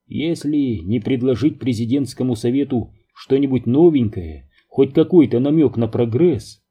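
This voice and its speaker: A man narrating an audiobook in a steady, measured reading. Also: medium pitch, breathy edge. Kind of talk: scripted narration.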